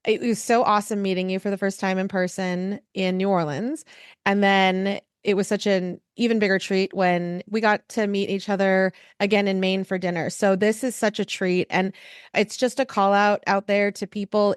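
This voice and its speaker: An enthusiastic woman from California hosts a podcast interview, gushing over her guest. She speaks at a middle pitch. The recording is dry and close. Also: steady tone, normal speed, smooth, dry recording. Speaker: podcast host.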